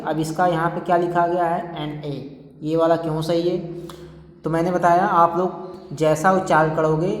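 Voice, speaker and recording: Patient teacher spelling slowly in an echoey room. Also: medium pitch. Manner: patient, repeats "ठीक है" to check understanding; slow, step-by-step spelling out of letters. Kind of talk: spelling lesson at a board. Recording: echoey room, long reverb.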